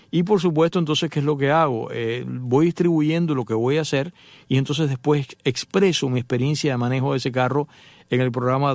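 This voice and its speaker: A man's voice: on the high side, gravelly, a little mellow, no room sound. A middle-aged man hosting a radio show, telling joking stories and talking straight to his listeners. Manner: chatty joking storyteller, addresses listeners directly. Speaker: radio show host and motoring journalist. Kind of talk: casual radio monologue.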